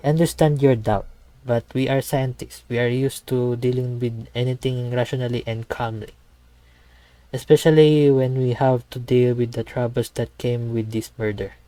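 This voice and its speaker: A man reading the lines of a calm, rational woman scientist from a game. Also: medium pitch, normal speed, clear, resonant tone, no echo, lightly acted, low-quality recording.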